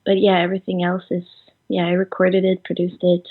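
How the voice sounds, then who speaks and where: A woman in her twenties from Sweden, a musician answering interview questions over the phone in a halting way, full of fillers and trailing off. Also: lowish voice, completely flat delivery, slightly rough. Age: 20s. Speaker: musician guest. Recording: tinny phone line.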